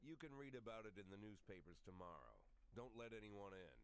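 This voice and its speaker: Man acting a low-voiced, world-weary police chief. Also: lively intonation, fairly quick, clean tone, natural voice. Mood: curt. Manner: dry, terse, hard-boiled narration. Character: world-weary, sardonic older police chief near retirement. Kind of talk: scripted noir video game voice acting.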